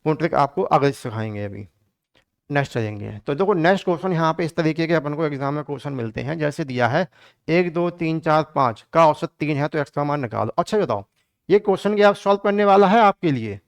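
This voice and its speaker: A man talks through exam-prep math problems, chatty and joking, calling his viewers kids. His voice sits fairly high and sounds clear and smooth. The recording is dry and close, with no room sound. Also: lively intonation, quick pace, dry recording. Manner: chatty, addresses students as kids, jokes while teaching. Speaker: math teacher.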